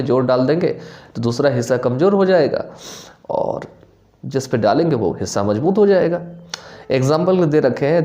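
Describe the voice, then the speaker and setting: A male teacher with a mellow, warm voice at an ordinary middle pitch. He reads definitions out slowly and then goes over them again in simpler terms, often pausing to check that his students are following. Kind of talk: Hindi lecture on English phonetics, mixing Hindi and English.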